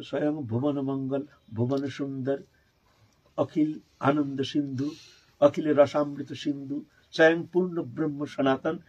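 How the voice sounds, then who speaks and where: A male monk, delivering a devotional storytelling sermon in an emotive manner that swings from hushed to fervent. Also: medium pitch, husky, highs cut off. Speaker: monk preacher.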